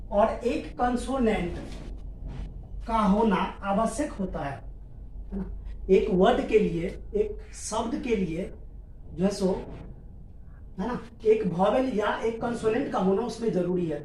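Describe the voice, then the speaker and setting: A woman's voice: mid-range voice, darkish tone. A woman teacher explaining step by step, answering her own questions and repeating every point with a constant "right?". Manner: asks questions and answers them, tag "है ना" constantly; repeats each point slowly. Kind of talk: classroom-style explanation. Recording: roomy echo, distant mic, faint ambient noise.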